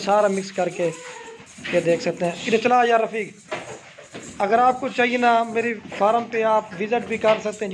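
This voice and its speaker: A middle-aged man with a Punjabi Pakistani accent who hosts a casual goat farm sales video, talking in a chatty, repetitive, promotional way. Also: high-pitched. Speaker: goat farm owner and host. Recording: loud farm noise behind.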